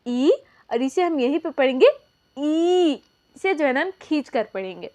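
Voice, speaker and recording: High-voiced woman teaching a lesson. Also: very animated, quick pace. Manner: asks and answers her own questions, repeats key points. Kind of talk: classroom lesson.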